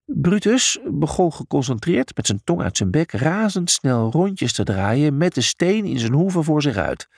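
A man narrating a children's audiobook in an expressive storytelling voice. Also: on the high side, measured pace, gravelly, breathy edge, dry recording, studio quality.

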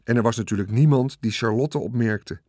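Calm male storybook narrator. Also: medium pitch, brisk, dry recording, clean studio sound. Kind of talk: storybook read-aloud.

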